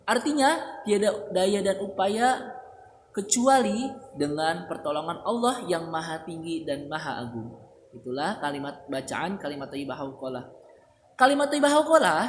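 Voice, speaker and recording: A man teaching a religion lesson to young children, explaining patiently and drawing out the Arabic phrases slowly. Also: on the high side. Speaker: primary school religion teacher. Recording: echoey room with long reverb, faint hiss.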